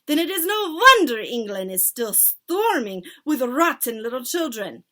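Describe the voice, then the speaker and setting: A woman's voice: medium pitch, slow pace, bright, forceful tone. A woman voicing a tiny, furious, tyrannical old female witch leader who shrieks her orders in oddly twisted English. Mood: raging. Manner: shrieking, foreign-sounding odd grammar.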